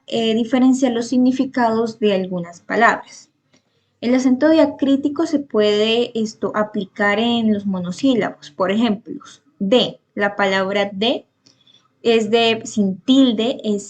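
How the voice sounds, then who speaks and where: A woman teaching a spoken grammar lesson, patiently explaining rules with many examples and occasional restarts. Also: on the high side.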